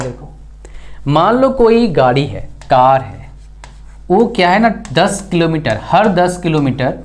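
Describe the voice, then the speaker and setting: A male teacher gives an online exam-prep physics lesson. He keeps asking rhetorical questions and then answers them himself. He drops terms into his talk. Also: on the high side. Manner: mixes English terms into Hindi.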